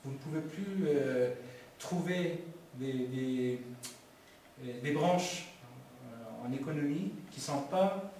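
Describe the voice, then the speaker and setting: At a public film debate in a community meeting hall, an Iranian man whose first language is Persian answers questions in a somewhat high, mellow voice. He speaks hesitantly, full of restarts and fillers, recorded far from the mic in a very echoey hall with faint noise.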